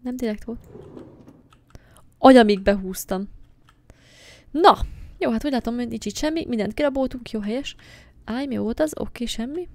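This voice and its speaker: A woman commentating her own horror game play in a slightly high voice. She is jumpy and swears, and she talks to the things on screen as she goes. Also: long pauses, a little mellow. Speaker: gaming channel host.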